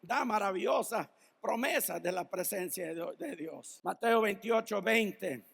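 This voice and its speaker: A man's voice: high voice, measured pace, creaky, fairly bright tone, husky, in a large hall. A man preaching a sermon as pastor, reading Bible verses and telling stories, sometimes laughing at them. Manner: storytelling, laughs at his own stories; reads Bible verses then applies them to the listeners.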